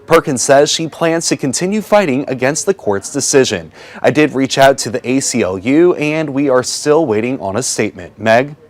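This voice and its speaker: A man's voice: mid-range voice, animated, moderate pace, few pauses. An American man delivering a scripted television news report as a reporter.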